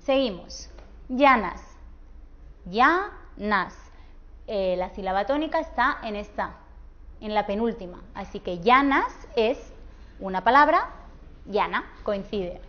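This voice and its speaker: A woman with a Peninsular Spanish accent teaching a grammar lesson, saying example words slowly and clearly. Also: mid-range voice, animated. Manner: slow, clear, drawn-out pronunciation of example words. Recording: dull, lo-fi sound.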